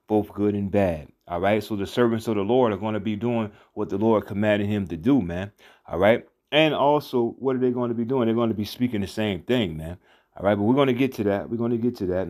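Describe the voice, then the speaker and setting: A street preacher, unseen and speaking as voice-over on a phone screen recording, teaches scripture informally in a fairly low, somewhat mellow voice. He rambles with fillers and restarts, tacks "man" onto many phrases, and reads the verses slowly and deliberately.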